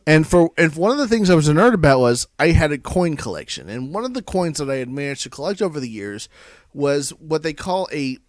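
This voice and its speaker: Animated drunk man telling a rambling story. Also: fairly high pitch, brisk, no room sound. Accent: American. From Indiana, United States. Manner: drunk, rambling, profane, repeats himself. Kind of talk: casual drunk storytelling among friends.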